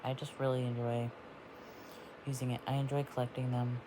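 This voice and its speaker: A man's voice: mid-range voice, flat delivery, brisk, music in the background, low-quality recording. A young man of about twenty chatting casually in a book vlog, rambling with lots of ums and restarts. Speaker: book vlogger. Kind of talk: casual bookish vlog chat.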